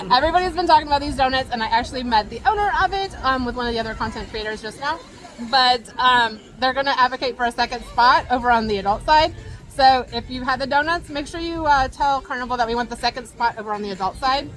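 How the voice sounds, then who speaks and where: A woman chatting casually in a travel vlog, reviewing food outdoors and talking with her mouth full. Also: high voice. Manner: chatty, talks while eating, laughs often. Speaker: travel vlogger. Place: outdoors at a cruise line's island stop.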